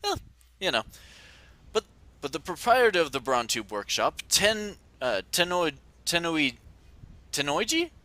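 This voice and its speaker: Animated, bright-voiced man hosting a game playthrough. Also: fairly high pitch, a little slow, long pauses, dry recording. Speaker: let's play host. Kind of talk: casual gaming chat among friends.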